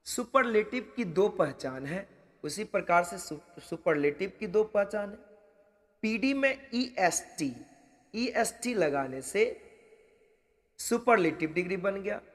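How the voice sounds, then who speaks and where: A man teaching English grammar for exam preparation, explaining each rule slowly and repeating key phrases several times. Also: high voice, animated, big-room sound. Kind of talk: exam-prep grammar lesson.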